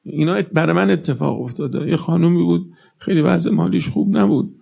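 Male preacher, very gravelly, dark husky voice, fervent rhetorical questions, sermon. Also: on the high side. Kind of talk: religious sermon.

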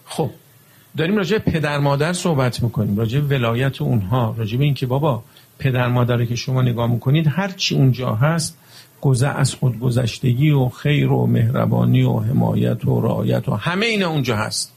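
Gravelly husky male preacher. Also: mid-range voice, darkish tone. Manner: emphatic, rhetorical questions to the audience. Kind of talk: religious lecture.

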